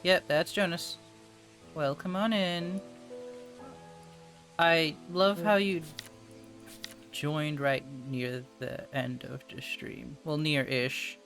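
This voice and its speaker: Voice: medium pitch, fairly even intonation, slow pace, vocal fry, pauses often, fairly bright tone, faint music behind. A streamer casually commenting on a game, chatty and greeting viewers.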